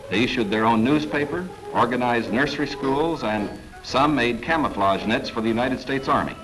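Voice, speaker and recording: A man giving formal, measured 1940s government newsreel narration. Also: mid-range voice, poor audio. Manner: formal, measured, authoritative delivery. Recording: narration over clear background music.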